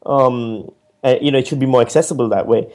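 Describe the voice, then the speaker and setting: Here the same kind of speaker, a comedian and author from Pakistan, muses aloud during an informal interview, animated and reflective with frequent false starts. His voice is mid-range and moves a little fast.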